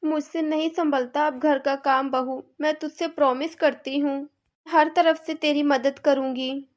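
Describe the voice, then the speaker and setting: A woman's voice: sits high, steady tone, measured pace. A woman doing a bossy, nagging cartoon mother-in-law. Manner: nagging, scolding, complaining. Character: bossy, complaining middle-aged mother-in-law.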